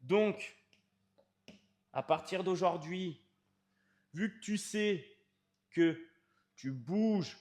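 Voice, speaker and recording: A man's voice: high voice, expressive, extremely slow, pauses often, a little mellow. A man, a fitness coach explaining training to the viewer in an informal, emphatic way, stretching key words.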